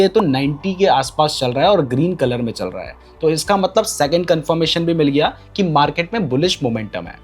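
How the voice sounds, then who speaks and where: A man's voice: on the high side, a little mellow, breathy edge. A man explaining a trading strategy in a chart tutorial, pointing things out on screen and mixing English terms into his speech. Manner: mixes English terms into Hindi. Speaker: trading educator.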